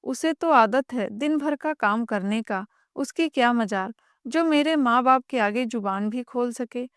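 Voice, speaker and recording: A woman's voice: on the high side, measured pace, smooth, no echo, clean studio sound, lightly acted. A woman voicing a lazy, scheming young sister-in-law who talks in a mocking, shameless way. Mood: taunting.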